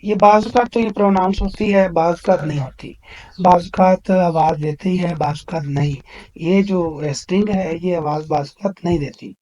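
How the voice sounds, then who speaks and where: A man's voice: high voice, a little mellow, low-quality recording. Pakistani male teacher, patient lesson delivery. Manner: reads English phrases slowly and drawn out, with frequent "uh" pauses. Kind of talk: recorded classroom lesson explaining exercises.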